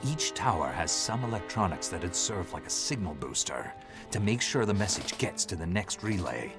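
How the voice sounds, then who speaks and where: A gruff old hermit in a video game, his very deep voice gravelly and rising and falling a lot as he lays out his plans. He talks in a measured, patient way, with game music playing behind him. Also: very animated. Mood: gruff, explaining.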